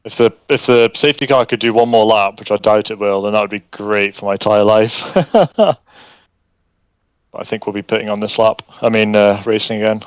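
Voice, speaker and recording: Calm low-voiced man racing online. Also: smooth, dry recording, rough recording. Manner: calm, measured, thinks strategy aloud. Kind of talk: casual chat while sim racing.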